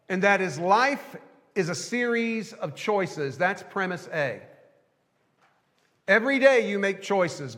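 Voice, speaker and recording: A man preaching a sermon as pastor, telling a folksy story and posing questions with drawn-out pauses. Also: high voice, fairly bright tone. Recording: long reverb of a church sanctuary.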